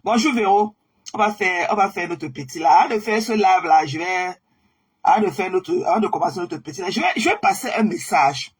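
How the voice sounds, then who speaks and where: A woman hosting a casual live stream, chatting warmly with viewers and greeting them by name, often repeating herself. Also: on the low side, fairly quick, breathy edge. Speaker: livestream host.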